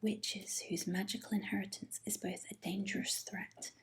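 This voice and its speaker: A woman speaking in a hushed, breathy library whisper, softly chatting and reading aloud as an ASMR host. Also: mid-range voice, level tone, moderate pace. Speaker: host of an ASMR book haul video.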